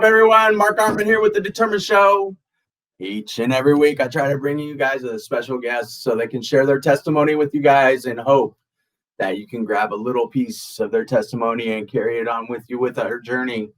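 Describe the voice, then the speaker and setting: Guy hosting a chat show, casual and jokey, medium pitch voice. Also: steady tone, normal speed, low-quality recording. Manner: informal, jokey. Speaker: show host.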